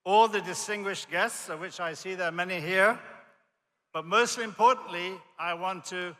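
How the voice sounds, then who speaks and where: With a voice that sits high and sounds pushed and bright, an older Jamaican man talks at a normal speed in his Jamaican accent. He is a commencement speaker at a podium in a large hall with reverberant acoustics, friendly and self-deprecating as he tells stories.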